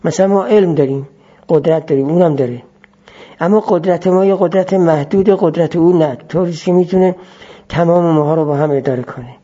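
A male teacher lecturing on philosophy at a measured pace, returning to his key phrases to make them stick. His voice is dark and mellow, a little higher than usual. The lo-fi recording sounds muffled. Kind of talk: explanatory classroom lecture.

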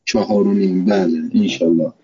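Husky dark-voiced male seminary teacher. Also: low voice, steady tone. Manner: slow deliberate dictation with repeated phrases. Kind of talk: dictating lecture notes. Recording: dull lo-fi recording.

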